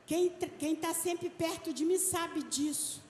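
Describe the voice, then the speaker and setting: A woman pastor giving an emphatic sermon, stretching out key words slowly. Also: very high voice, a little mellow, a little hiss or hum. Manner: emphatic preaching, slow and drawn-out stresses. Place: church. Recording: echoey hall with long reverb, faint ambience.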